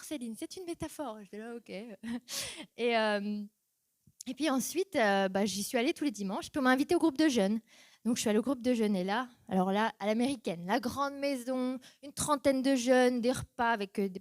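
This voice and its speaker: A woman's voice: on the high side, dry recording. A young woman giving a personal church testimony, telling her story casually and acting out her past reactions in quoted voices.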